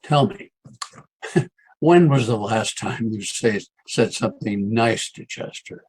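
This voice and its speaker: A husky voice, a man acting a crusty town doctor in a western radio play. He is American and speaks his mind in a wry, needling, emphatic way. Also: lowish voice, slow pace, darkish tone, poor audio. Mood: scolding.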